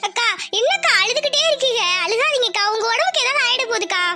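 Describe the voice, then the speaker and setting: Give this to a caring young village woman in an animated tale, pleading and consoling. The voice is very high and bright. Faint music plays behind. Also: fast, full character voice. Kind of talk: cartoon voice acting.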